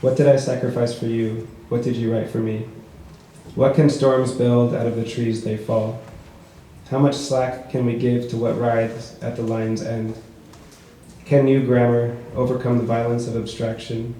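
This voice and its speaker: A man reads his own prose poetry at a book launch, in a measured, rhythmic cadence. His mellow voice sits at a middle pitch. The recording is very echoey, with faint room noise behind him. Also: little pitch movement. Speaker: author reading his work. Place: bookshop event space.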